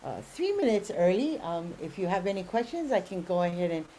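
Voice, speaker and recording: A woman's voice: lowish voice, big pitch swings, fairly quick, dark tone, slight background noise, low-quality recording. A woman hosting an online webinar for grantees, explaining upcoming events with many fillers. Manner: many fillers, friendly and informative.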